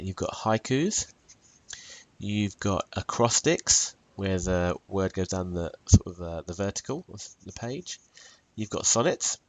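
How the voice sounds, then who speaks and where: A British man teaching poetry in a tutorial video, asking questions and telling students to pause and think. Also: low-pitched, no echo. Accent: British English. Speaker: English teacher.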